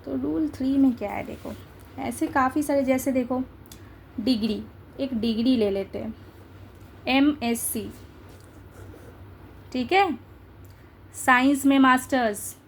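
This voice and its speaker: A young woman teaches English grammar at an unhurried, deliberate pace, her voice sitting a little high. She coaxes her students along and keeps checking that they follow. A faint hiss sits under the recording. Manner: coaxing, checks understanding with repeated tag questions. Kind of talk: exam-prep grammar lesson.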